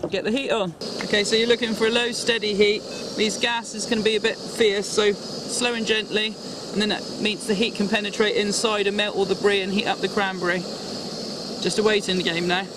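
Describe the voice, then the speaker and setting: A man's voice: sits high, little pitch movement, normal speed, noisy background. A man demonstrating a camp cooking recipe step by step, chatty and instructive as he works, recorded outdoors at a fishing lake.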